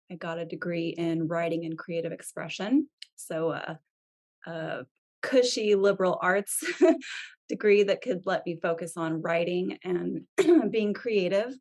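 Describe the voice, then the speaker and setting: A woman with a slightly low voice speaks in an upbeat, casual podcast chat. She talks easily and cheerfully. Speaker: social media specialist.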